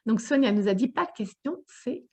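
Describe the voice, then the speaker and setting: Expressive woman coach, fairly high voice. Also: normal speed, breathy edge, highs cut off. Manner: expressive, acts out her inner voice in quotes. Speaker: personal development coach. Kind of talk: group coaching session talk.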